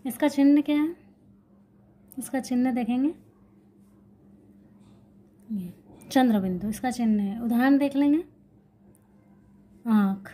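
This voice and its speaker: A woman's voice: high-pitched, a little slow, long pauses, dark tone, slight background noise. A woman teaching an exam-prep grammar lesson, explaining while writing and repeating key points, asking questions and answering them herself.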